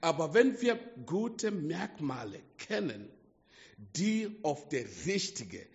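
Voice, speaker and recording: Guy preaching real slow, kinda high voice, dull lo-fi sound in a big echoey hall. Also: big pitch swings, vocal fry. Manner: slow, halting delivery with restarts and broken grammar. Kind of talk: sermon.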